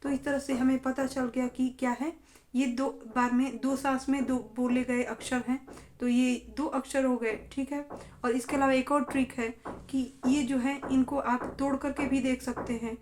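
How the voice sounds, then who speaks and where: A woman's voice: high voice, flat delivery, measured pace, darkish tone, a little hiss or hum. A woman teaching an exam-prep grammar lesson, steadily reading questions and explaining each answer.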